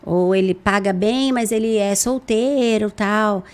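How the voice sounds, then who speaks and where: A woman with a Brazilian Portuguese accent, a guest in a podcast interview, talking animatedly with lively, expressive intonation. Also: medium pitch, measured pace. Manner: animated, lively intonation, acts out phone calls in voices. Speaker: guest, insurance broker.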